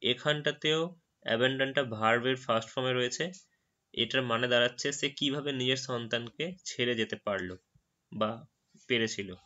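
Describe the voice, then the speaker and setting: A man whose first language is Bengali talks through an English vocabulary lesson over a screen recording, patient and methodical. He often slows right down to repeat a word. His voice is bright and forward, and the recording sounds a little dull and lo-fi. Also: mid-range voice. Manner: explains patiently, repeats words slowly after a dictionary audio. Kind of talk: screen-recorded tutorial narration.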